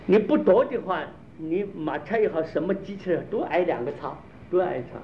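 A man's voice: high-pitched, brisk. A man explaining a problem, repeatedly quizzing his listeners with rhetorical questions. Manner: rhetorical questions, drilling points. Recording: dull lo-fi recording with faint noise.

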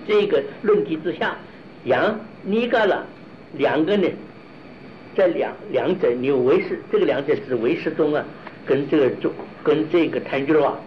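The speaker is a Buddhist philosophy teacher giving a doctrinal lecture, his delivery halting, with restarted phrases and rhetorical questions for the audience. For a man, his voice sits fairly high. A faint hiss runs under the dull, lo-fi recording.

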